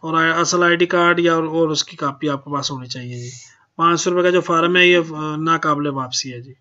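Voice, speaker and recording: A man's voice: on the high side, brisk, pushed and bright, dull audio. A man hosting his own channel, plainly reading out auction notices and tacking a polite "ji" onto most sentences. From Pakistan. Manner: plain, repeats "ji" often. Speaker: channel host.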